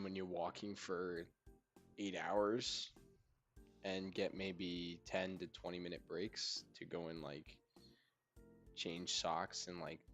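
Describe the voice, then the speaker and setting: Very deep, bright-edged young man joking. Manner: crude, joking, swears freely. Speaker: podcast co-host. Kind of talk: casual chat.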